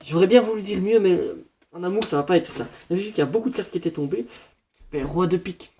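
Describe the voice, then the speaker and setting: A man's voice: high voice, fast, darkish tone, slight background noise. A man doing a parody horoscope reading, rambling in a mock-solemn fortune-teller manner. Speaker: comedian.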